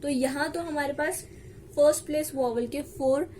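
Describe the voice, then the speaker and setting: A woman's voice: high voice, warm tone, a little hiss or hum. A woman shorthand teacher, explaining each example word patiently and saying it again as she writes it. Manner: slow, patient, repeats example words while writing. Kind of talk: classroom lesson.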